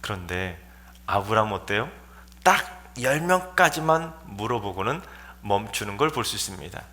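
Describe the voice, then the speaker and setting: A man's voice: on the low side, big pitch swings, normal speed, bright, forceful tone. A man preaching a sermon as a pastor, emphatic and full of dramatic rhetorical questions.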